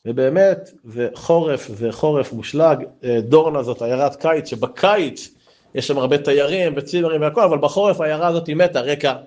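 A man telling a folk tale in a lively, animated way, acting out the quoted speech. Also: on the high side. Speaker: storyteller.

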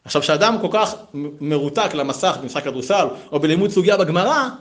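A man in his thirties teaching a Torah lesson in a conversational, animated way, mixing text study with personal stories. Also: on the high side. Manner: animated, conversational, lively asides. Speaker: yeshiva teacher.

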